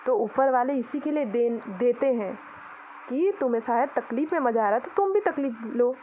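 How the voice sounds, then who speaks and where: A woman's voice: on the high side, lively intonation, normal speed, mellow, highs cut off, a little hiss or hum. A young woman from Odisha, talking outdoors to the camera in an impassioned vlog, indignant and scolding as she preaches to her critics. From Odisha, India. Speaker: vlogger.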